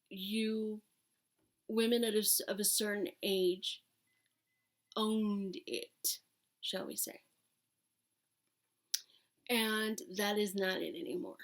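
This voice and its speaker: A woman in her late thirties chatting casually and candidly to camera, rambling and emphatic, with a raspy voice like a longtime smoker's. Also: mid-range voice. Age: late thirties, almost forty. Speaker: vlogger talking to camera.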